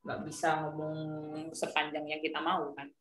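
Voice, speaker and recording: A woman's voice: deep voice, flat delivery, moderate pace, a bit bright, a little hiss or hum. A woman teacher trainer giving a casual briefing, explaining with worked examples and many fillers.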